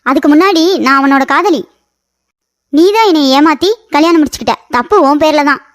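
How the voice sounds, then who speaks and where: A woman voicing a sharp-tongued young queen who scolds quickly in a cartoon story. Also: sits high, no room sound, studio quality, close to an everyday voice. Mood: scolding.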